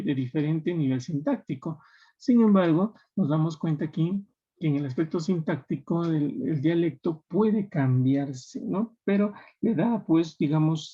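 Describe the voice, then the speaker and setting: A man's voice: a little high, mellow, husky. Peruvian man lecturing his students. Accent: Peruvian Spanish. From Peru. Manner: explanatory, checking in with tag questions. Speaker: teacher. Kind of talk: classroom lecture. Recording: dull lo-fi recording.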